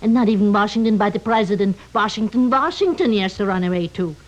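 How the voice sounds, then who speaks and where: A woman's voice: mid-range voice, quick pace, muffled recording, natural voice. An actress playing a meddling, self-pitying older mother-in-law with melodramatic, wheedling manner and inverted phrasing in an old radio drama. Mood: wheedling, sardonic.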